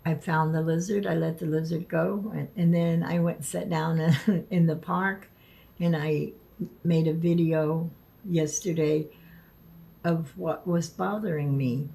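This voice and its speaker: A woman vlogging casually, speaking haltingly and stumbling over words, with the lisping, slurred sound of missing front teeth. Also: low voice, fairly even intonation, vocal fry, dark tone. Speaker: video creator. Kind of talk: casual spoken vlog, partly reading aloud.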